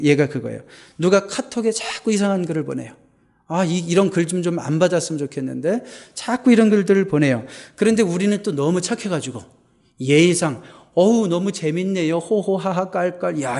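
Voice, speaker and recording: Male pastor, slightly high voice, easy conversational sermon delivery. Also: darkish tone. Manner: conversational, asks the congregation questions, acts out quoted lines.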